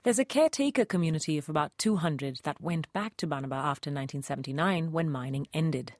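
A woman host reading a scripted radio documentary narration in a calm, clearly paced way. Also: low-pitched, quick pace, no echo, clean studio sound.

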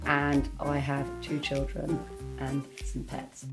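Middle-aged woman, low voice, casual and laughing, soft music behind. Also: completely flat delivery, takes it slowly. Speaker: caterer guest. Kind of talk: casual chat.

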